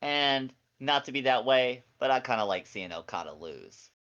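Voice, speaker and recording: A man in his forties co-hosting a casual wrestling review, excitable and jokey with a lot of slang. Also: mid-range voice, normal speed, lo-fi sound. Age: 40s. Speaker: co-host.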